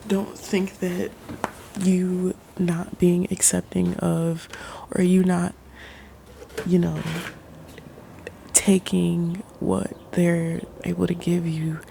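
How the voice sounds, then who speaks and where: A woman giving a soft, hushed ASMR pep talk, reflective and halting, drifting at times toward a whisper. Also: fairly low pitch, little pitch movement, vocal fry, slight background noise. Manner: halting, pausing mid-sentence. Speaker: ASMR creator.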